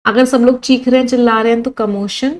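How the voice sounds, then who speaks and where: A woman's voice: on the high side, steady tone, fairly quick, poor audio. Indian woman teaching English vocabulary. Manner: lists words one by one, quizzes students. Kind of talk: online vocabulary lesson.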